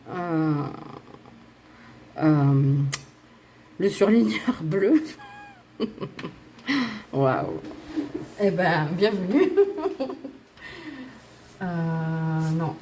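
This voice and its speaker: A woman gives a casual card-reading guidance session in a bubbly, giggly way, rambling through fillers and restarts. Her voice sits at an ordinary middle pitch, and she keeps chatting straight to her viewers with self-mocking asides. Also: mellow, a little hiss or hum. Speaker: tarot and oracle card reader.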